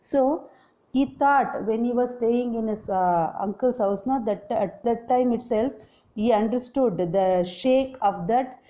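A woman's voice: on the high side, unhurried, warm tone, poor audio. A woman explains a school English lesson as a teacher, repeating and rephrasing her points.

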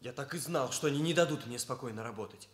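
This young adult male actor, heard in Soviet radio drama, plays an aggrieved, earnest hairdresser whose speech is stiffly bureaucratic and pompous. His mid-range voice sounds natural and moves fast.

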